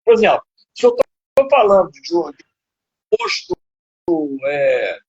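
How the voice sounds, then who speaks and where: Rambling older man with gravelly voice. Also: sits high, huge pitch swings, unhurried. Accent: Brazilian Portuguese. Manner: rambling, lots of fillers and tag questions. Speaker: psychoanalyst guest. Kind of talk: live interview, lecturing. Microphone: video call. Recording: dull lo-fi web stream audio.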